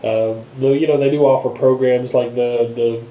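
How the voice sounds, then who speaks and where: A man's voice: medium pitch, fairly even intonation, normal speed, mellow, echoey room, slight background noise, rough recording. A man with a congested, nasal voice, as if his nose were broken, sick and unable to breathe through it, rambling casually in an offhand vlog. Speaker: vlogger. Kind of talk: casual unscripted vlog talk. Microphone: action camera microphone.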